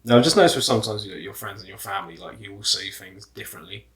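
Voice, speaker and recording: A man's voice: lowish voice, very fast, crowd noise. A man chatting casually as the host of a video. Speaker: host of a couple's video channel. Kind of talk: casual chat.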